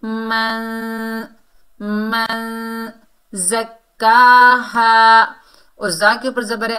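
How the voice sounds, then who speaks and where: A woman teaching Quran recitation rules, explaining each sound and then reciting words slowly. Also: on the low side, pushed and bright. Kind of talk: tajweed lesson, explaining and reciting.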